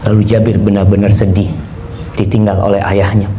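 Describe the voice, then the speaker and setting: A male preacher giving a storytelling sermon, animated and quoting Arabic phrases. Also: on the low side, fairly quick, roomy sound, a little hiss or hum. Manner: animated, switches into quoted voices and Arabic phrases.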